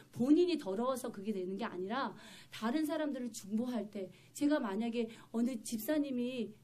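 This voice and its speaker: A woman's voice: fairly high pitch, mellow. A woman pastor preaching a sermon in church, telling her story vividly and with emphasis.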